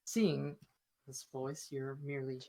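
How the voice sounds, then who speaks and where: A man running a tabletop game, chatting casually between scenes. He mutters asides into earbuds. His voice is gravelly at a middle pitch. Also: level tone, slow pace, mellow. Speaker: game master. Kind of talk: casual out-of-character chat.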